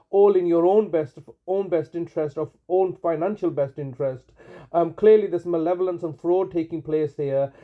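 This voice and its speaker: A man leaving a long voicemail over a phone line, speaking in an insistent, accusing way with many halting restarts. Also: a little high. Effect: heard over a phone line. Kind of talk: long recorded phone message.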